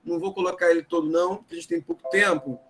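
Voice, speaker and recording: Brief: middle-aged Carioca school director, slightly high voice, talkative webinar teacher, mimics fussing parents. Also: male voice, fairly even intonation, very fast. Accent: Rio de Janeiro Portuguese. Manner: chatty, asks "né?" often, acts out anxious parents in a high voice. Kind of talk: lively webinar talk to parents.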